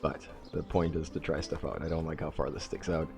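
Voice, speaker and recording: In a flat, gravelly, rumbling low voice, a man talks a little fast over music while hosting a casual let's play. He is congested from a cold and thinks aloud as he adjusts his plans.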